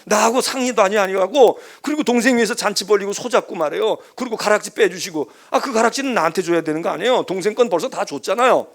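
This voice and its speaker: A preacher doing an indignant elder son. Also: male voice, high-pitched, quick pace, fairly bright tone. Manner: aggrieved, insistent outburst. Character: resentful elder son, grown man, indignant and complaining.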